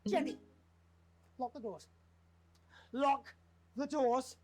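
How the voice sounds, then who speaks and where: High-voiced, unhinged British news anchor. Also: male voice, expressive, moderate pace, a little hiss or hum. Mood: menacing command. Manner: theatrical, sweary, commanding, sardonic. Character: unhinged, bitter male TV news anchor holding studio hostage. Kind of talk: dramatic live-broadcast acting.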